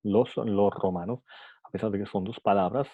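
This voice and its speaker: A man's voice: on the low side, normal speed, dry recording. Hesitant man giving a phonetics lecture. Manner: hesitant, many restarts and fillers; asks rhetorical "¿no?" often. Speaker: teacher. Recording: tinny lo-fi dry recording.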